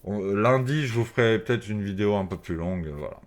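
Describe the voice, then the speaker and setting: Slangy low-voiced man talking through a face mask. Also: fairly quick. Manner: informal, slangy, swearing. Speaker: crypto trading video host. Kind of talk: casual off-the-cuff market commentary to viewers.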